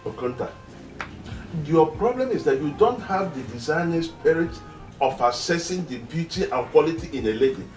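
A lovesick Nigerian suitor, played by a man, who pleads anxiously for the woman he wants to marry. His voice sits a little high for a man. It comes from some distance in an echoey room. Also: animated, normal speed, darkish tone, faint music behind, natural voice. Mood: fretful. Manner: pleading and fretful. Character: lovesick young man desperate to wed. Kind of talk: Nollywood film acting.

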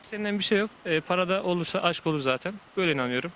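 A man's voice: sits high, lively intonation, racing, a bit bright, low-quality recording. A man giving short, casual answers in a street interview. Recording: faint outdoor street noise.

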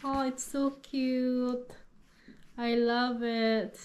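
A woman in her thirties with a cold gushes over the things she's unboxing in her living room for a casual haul video. Her voice is slightly high and rather dark, delivered flatly and very slowly, while packaging crinkles in the background.

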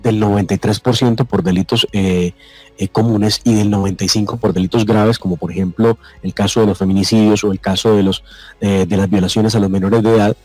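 A man's voice: on the low side, fairly even intonation, brisk, dark tone, no room sound, soft background music. A man giving firm, argumentative political commentary on a radio show.

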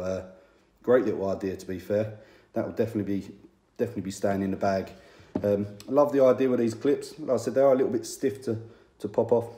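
A man's voice: lowish voice, dark tone, a little hiss or hum. Plain-spoken tradesman in an echoey room. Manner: plain-spoken, with many ums and restarts. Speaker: tradesman reviewing a tool. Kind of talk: casual product review to camera. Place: small indoor room with shelves.

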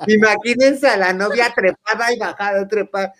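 A man's voice: high-pitched, moderate pace, fairly bright tone. A man with a Mexican accent telling a comic wedding story in a camp, chatty way, often laughing and acting out the voices of the people he quotes. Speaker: comedic storyteller. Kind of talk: comic anecdote told to a live audience.

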